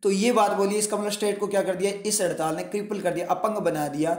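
A man with a high voice leads an English exam lesson in Hindi mixed with English. He works through each option step by step and keeps asking his students rhetorical questions. The sound has the hollow echo of a bare room. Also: steady tone, fast talker. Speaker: English teacher.

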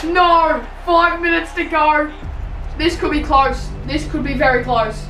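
A high-pitched woman calls her own football video game as it unfolds, yelling and groaning at each play. She sounds roomy and a little far from the mic, with faint game music behind her. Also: steady tone, a little slow. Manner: cheers, groans and shouts at every play. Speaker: gamer commentating their own match. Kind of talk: excited live game commentary. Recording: roomy, slightly distant home mic with game audio.

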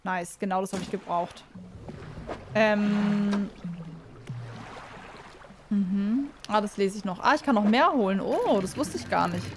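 A woman hosting a casual gaming video, talking to herself as she plays, excitable and chatty, with the odd curse and giggly sing-song bursts. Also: medium pitch, unhurried, pauses often, music in the background. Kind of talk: casual let's-play commentary.

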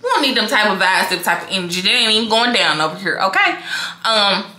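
A young woman from Mississippi, speaking with her home accent, chats straight to her viewers in a loud, animated way. Her voice is very bright and cutting. The sound bounces around an echoey room. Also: medium pitch, quick pace. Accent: Mississippi Southern. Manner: big, animated and confident, talks straight to viewers. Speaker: vlogger. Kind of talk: casual talk to camera.

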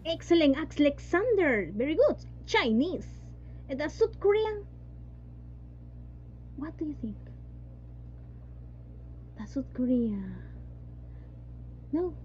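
High-voiced woman teaching online. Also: sing-song, extremely slow, pauses often, darkish tone. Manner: mixes Spanish and English, repeats "yes" and "¿no?". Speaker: English teacher. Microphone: video call. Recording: dull lo-fi online call audio with faint hum.

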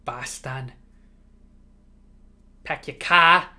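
Very slow and at medium pitch, his voice comes out pushed and bright. The man, who grew up speaking Chinese and moved to America from abroad, hosts a livestream and chats casually with chat readers, laughing and repeating himself often.

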